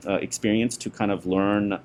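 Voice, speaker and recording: A middle-aged man from India, a guest being interviewed, talking warmly with many fillers and restarts. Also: lowish voice, steady tone, normal speed. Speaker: guest, school parent and former board member. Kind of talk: conversational interview.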